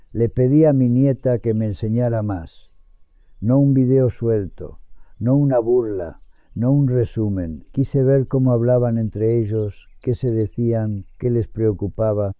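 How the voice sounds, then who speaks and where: An elderly man around a hundred years old narrates a scripted, reflective story in a solemn, measured manner. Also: mid-range voice, warm tone, dry recording, muffled recording. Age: 100. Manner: solemn, measured, literary phrasing.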